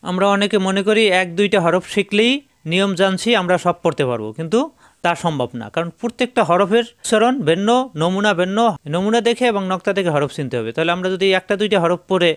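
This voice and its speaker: High-voiced man teaching Quran recitation. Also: lively intonation, clean tone, dry recording. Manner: patient, repeats syllables slowly for learners. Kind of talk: step-by-step recitation lesson.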